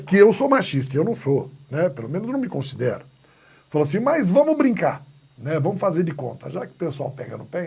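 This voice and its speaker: A man's voice: on the high side, creaky, darkish tone, slightly rough. A Brazilian man teaching a grammar lesson, asking and answering his own questions and acting out little skits. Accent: Brazilian Portuguese. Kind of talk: lively classroom lesson with playful asides. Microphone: recorded video lesson.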